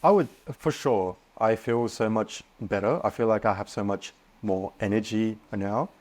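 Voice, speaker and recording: Earnest man, lower voice. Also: moderate pace. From Australia. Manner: earnest, animated, frequent restarts. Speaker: guest. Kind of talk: casual podcast interview.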